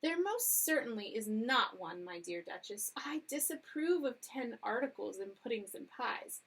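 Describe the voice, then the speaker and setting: A woman's voice: a little high, expressive, unhurried, a bit bright, slightly rough, full character voice, rough recording. A woman voicing a proper lady cat hostess in a storybook reading, formal and severe. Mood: prim.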